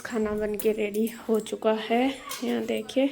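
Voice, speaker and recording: A woman's voice: fairly high pitch, flat delivery, a little slow, creaky. A woman, a mother chatting and teasing her kids while serving food at home for a vlog. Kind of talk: casual home vlog chat. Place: family home kitchen.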